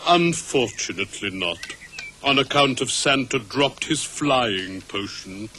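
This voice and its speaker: An actor playing a sardonic reindeer in a TV comedy special, talking in a dry, drawling way. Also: male voice, mid-range voice, expressive, measured pace, bright, forceful tone. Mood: wry. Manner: drawling and wry.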